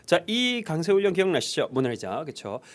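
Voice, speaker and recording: A man teaching English conversation in an energetic lecture, leading call-and-repeat drills and cueing the class to start again and again. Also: a little high, very fast.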